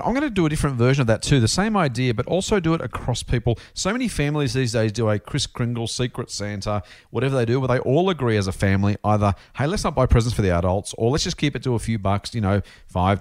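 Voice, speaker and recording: Fast, animated Australian man hosting a podcast. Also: medium pitch. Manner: jokey, blokey, addresses co-host as mate. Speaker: podcast host. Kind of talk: chatty, informal personal finance podcast talk.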